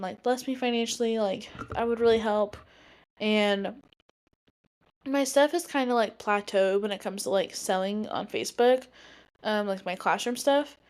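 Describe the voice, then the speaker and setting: A woman in her twenties hosting her own podcast, talking casually and rambling with many fillers. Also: on the high side. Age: 20s. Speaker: podcast host; teacher. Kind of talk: casual solo podcast monologue.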